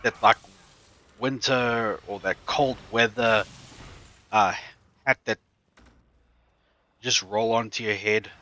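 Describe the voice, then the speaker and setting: A man chatting casually on a game stream, rambling with many pauses, while eating a snack. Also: fairly low pitch, steady tone, pushed and bright, slight background noise. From not from the US. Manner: rambling, halting, many fillers and restarts.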